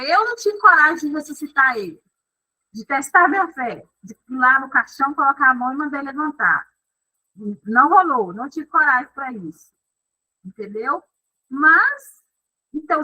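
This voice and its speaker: A woman with a Brazilian Portuguese accent speaks plainly and bluntly to her group on a faith talk show. Her voice sits high and sounds bright and forward. She has a cough today. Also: poor audio.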